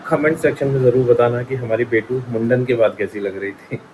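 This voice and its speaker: A man's voice: mid-range voice, steady tone, fairly quick, darkish tone. Chatty male vlogger over street noise. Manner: chatty, running commentary to camera. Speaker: family vlogger. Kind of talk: casual vlog narration. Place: outdoors and around the home, on the move. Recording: noisy phone vlog audio.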